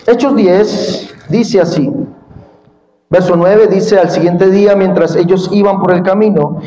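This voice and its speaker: A man preaching a fiery sermon, quizzing the congregation and rising to shouts. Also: sits high, a little slow, a little hiss or hum. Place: large church hall at a congress. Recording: echoey hall with long reverb.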